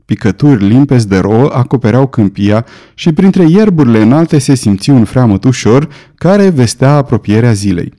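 Mellow-voiced male audiobook narrator. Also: medium pitch. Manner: steady, measured reading. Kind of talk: scripted narration.

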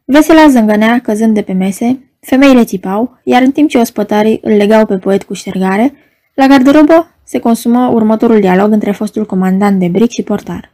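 A woman narrating an audiobook in a measured storytelling manner. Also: a little high, dark tone.

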